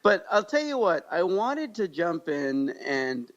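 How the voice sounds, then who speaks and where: An American man, born in Pakistan and raised in Kansas, co-hosts a podcast and tells stories in an upbeat, jokey way during casual conversation. His voice sits high and is very animated, a little slow, and the recording is muffled.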